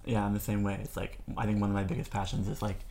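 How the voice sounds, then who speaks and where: A man's voice: lowish voice, completely flat delivery, quick pace, mellow. A man hosting a casual dinner chat, upbeat and talkative, filling his sentences with "like". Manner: upbeat, filler-heavy with frequent "like". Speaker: host.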